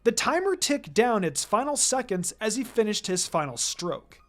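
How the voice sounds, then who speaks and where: A narrator reads a fan fiction story aloud in an expressive, scripted storytelling style. The voice is medium-pitched at a moderate pace, with background music playing behind it.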